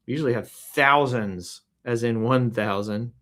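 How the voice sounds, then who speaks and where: A man's voice: medium pitch, unhurried, a bit bright. Playful man hosting a casual news show. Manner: playful and joking, makes sound-effect noises, clears throat often. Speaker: host reading the news. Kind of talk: casual news read-through.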